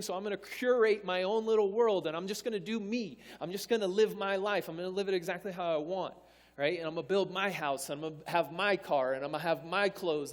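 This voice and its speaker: A man in his thirties preaching a sermon, swinging between forceful declarations and quiet, conversational asides. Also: sits high, big-room sound. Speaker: pastor. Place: church sanctuary.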